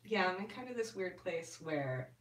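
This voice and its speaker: Lowish woman voice chatting w live comments, kinda far from the mic, echoey room. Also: lively intonation, normal speed. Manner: chatty, reads and answers comments, frequent laughs and fillers. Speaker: ASMR YouTuber answering live chat. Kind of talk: casual live-stream chat. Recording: roomy and distant from the mic.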